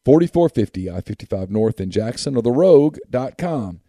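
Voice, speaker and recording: A man's voice: medium pitch, expressive, fairly quick, mellow, dry recording, studio quality. A man, hosting a sports podcast with sponsor reads and casual talk.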